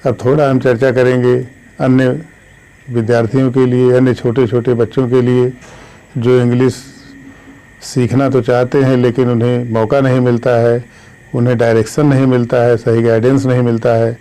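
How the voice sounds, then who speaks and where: A man teaching an online English grammar lesson, slowly dictating letters and spellings and addressing his viewers as friends. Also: medium pitch, level tone, dark tone, low-quality recording. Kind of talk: classroom-style online lesson.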